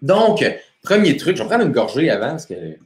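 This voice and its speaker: A man's voice: a little high, huge pitch swings, normal speed, darkish tone. A young man with a Quebec French accent hosting a casual live stream as a motivation coach, chatty and laughing easily as he greets viewers by name. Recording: echoey room.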